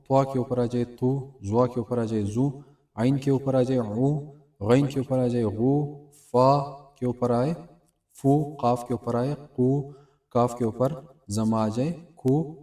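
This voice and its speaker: A man's voice: mid-range voice, warm tone, far from the mic. A man teaching a Quran reading lesson step by step, patiently asking and answering his own questions.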